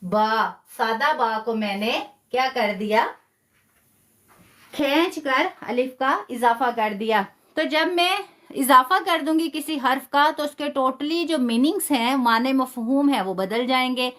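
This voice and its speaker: Woman, high voice, patient tajweed teacher, stretched example syllables, praises students. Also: a bit bright. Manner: patient, explains step by step and drawn-out demonstration syllables. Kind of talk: live online lesson.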